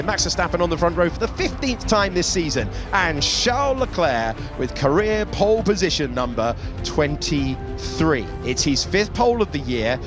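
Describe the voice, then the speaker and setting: Male motorsport commentator, high register, dramatic live race calling, cars and prominent music underneath. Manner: excitable, dramatic delivery. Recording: engine roar and music behind. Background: race cars and broadcast music.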